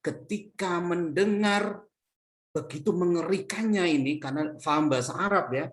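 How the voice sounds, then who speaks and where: A man's voice: high-pitched, moderate pace. Man giving a storytelling religious lecture. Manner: storytelling with rhetorical questions; conversational, mixing casual slang. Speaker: Islamic parenting teacher.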